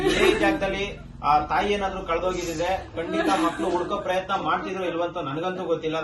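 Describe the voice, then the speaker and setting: A man from Karnataka hosting a social-work video, making an urgent, emotional appeal to viewers. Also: high-pitched. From Karnataka, India. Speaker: social worker and video host. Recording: roomy, distant mic with faint ambience.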